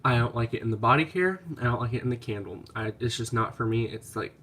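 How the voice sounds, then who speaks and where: Talking fast, a man with a medium-pitched, slightly bright voice runs through a candle haul at home. His blocked sinuses make him sound stuffy and nasal, and his casual talk rambles and hesitates, peppered with ums.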